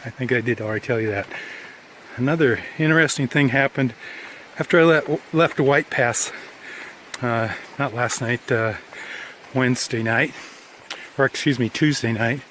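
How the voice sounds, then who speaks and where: A man's voice: medium pitch, moderate pace, a bit bright, slight background noise. Tired man rambling on a trail. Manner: rambling, self-correcting, plain-spoken. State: tired after a long hike. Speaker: hiker filming a trail vlog. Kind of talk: casual spoken trail diary. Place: outdoors on a mountain trail.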